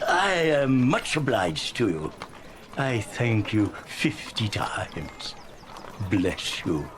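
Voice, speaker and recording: A man's voice: mid-range voice, sing-song, very slow, a bit bright, slight background noise, heavily acted. A man playing an elated, kindly old reformed miser in a dramatized audiobook, gushing and stammering. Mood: earnest, grateful.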